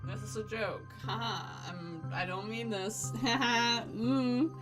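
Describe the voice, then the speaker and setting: A woman's voice: on the high side, fairly even intonation, slow, a bit bright, faint music behind. A young woman streaming a game, giving rambling, sarcastic casual commentary.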